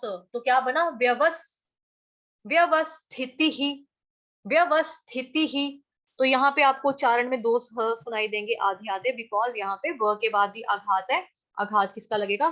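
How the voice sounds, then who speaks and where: Bright-voiced woman teaching chanting. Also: a little high, lo-fi sound. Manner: chants verse lines slowly, then explains syllable by syllable in chatty Hindi. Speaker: Sanskrit recitation teacher. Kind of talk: online class teaching verse pronunciation.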